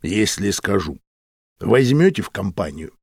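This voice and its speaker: A man's voice: on the low side, sing-song, a little slow, creaky, breathy edge, dry recording, clean studio sound, voice pushed down, exaggerated voice. A male narrator voicing a cheerful, polite and dignified alien who talks courteously.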